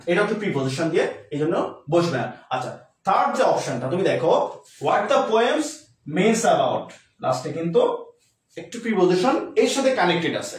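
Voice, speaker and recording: A man tutoring live for an admission exam, talking quickly and informally to his students. His voice sits high, and he sounds a little away from the microphone in a room with a roomy echo. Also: distant mic. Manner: addresses students informally, mixes English terms into Bengali. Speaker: admission test English tutor. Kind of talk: live online class, explaining exam questions. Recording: roomy echo, voice a bit off-mic.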